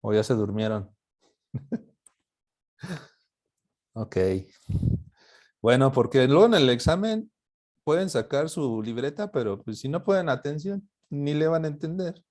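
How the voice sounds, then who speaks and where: A man teaching an English grammar lesson, joking with his students and sounding out English words slowly. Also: on the high side, big pitch swings, darkish tone. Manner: spells out English pronunciation slowly.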